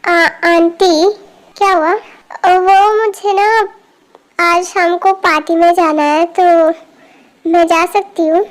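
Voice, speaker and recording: A woman voicing a sulky, quick-tempered young woman in a fan audio drama. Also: very high voice, fairly even intonation. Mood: pleading. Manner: sulky, defensive.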